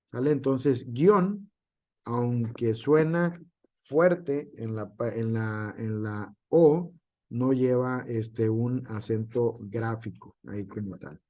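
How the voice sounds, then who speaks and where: A man's voice: medium pitch, takes it slowly, mellow. A male teacher gives an online class, with frequent hesitations and filler words.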